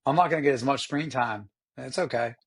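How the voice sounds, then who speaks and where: A man with a hoarse, rough voice and a middling pitch co-hosts a casual sports podcast. He rambles along with enthusiasm, using plenty of slang as he thinks aloud. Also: a little fast. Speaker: podcast co-host. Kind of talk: casual motorsport chat.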